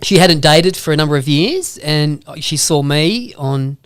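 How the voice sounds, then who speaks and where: A man with a broad Australian accent chats as an interview guest. His voice sits fairly high and sounds smooth and clean. He tells stories in a loose, rambling way, closely recorded with little room sound. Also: animated, measured pace, dry recording, clean studio sound. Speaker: podcast guest, motorbike vlogger. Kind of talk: casual interview storytelling.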